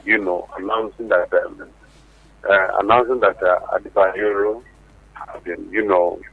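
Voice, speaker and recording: A man's voice: sits low, steady tone, unhurried, no room sound. A man calling into a radio show over a phone line, speaking in rambling, flowery formal phrases full of fillers. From Nigeria. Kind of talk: call-in comment on a radio show. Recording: muffled phone line with hum.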